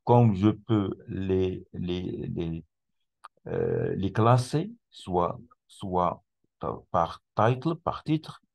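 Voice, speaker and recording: A man with a very deep voice walks through a website in a screen-recorded tutorial. He talks slowly and hesitantly, restarting phrases often as he clicks through the steps. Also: animated, gravelly, dull audio. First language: not English; speaks French. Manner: hesitant, many restarts and fillers, explains step by step. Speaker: tutorial presenter.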